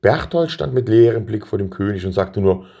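A man reading a children's story aloud in a lively way and speaking directly to his listeners. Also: lowish voice, moderate pace, gravelly, breathy edge.

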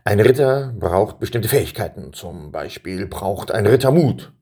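A fumbling, ceremonious old king from a children's storybook, voiced by a man reading aloud. His voice is rough and gravelly and swoops up and down as he hesitates. He sounds pompous but unsure. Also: fairly low pitch, expressive, mellow, heavily acted. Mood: solemn. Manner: halting, ceremonious speeches full of pauses.

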